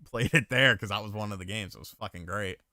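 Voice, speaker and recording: A podcast host reads viewer super chats in a casual gaming chat, telling lively, profanity-laden arcade stories. His bright, smooth voice is fairly low and quick, and the close mic keeps it dry and clean with no room sound.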